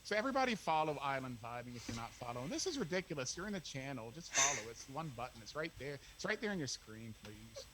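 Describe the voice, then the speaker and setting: Playful joking man, lively pitch. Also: quick pace, hardly any pauses, heavy background noise. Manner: joking, playful, self-mocking. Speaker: guest streamer. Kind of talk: casual live-stream banter.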